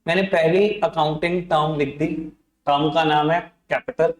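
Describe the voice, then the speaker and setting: A man teaches an accounts lesson, coaxing his students and calling them by pet names. His voice sits a little high. The classroom around him is echoey. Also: steady tone, normal speed. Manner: coaxing, addresses students as beta and babu. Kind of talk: classroom lecture.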